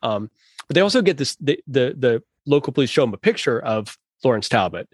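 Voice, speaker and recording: A man's voice: medium pitch, big pitch swings, a little fast, no echo, studio quality. A man co-hosting a casual film discussion podcast, thoughtful and rambling with frequent restarts. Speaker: podcast co-host.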